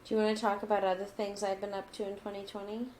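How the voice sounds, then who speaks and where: Her mid-range voice is fast and darkish, with little pitch movement and a bit of hiss or hum. She co-hosts a casual podcast, rambling chattily with lots of "like," and drops into a mock newscaster voice for her cat segment.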